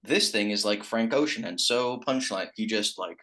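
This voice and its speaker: A man's voice: fairly low pitch, normal speed, pushed and bright. A young man co-hosting a podcast in casual banter, rambling and crude, often losing his thread. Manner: rambling, crude, trails off and restarts. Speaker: podcast co-host.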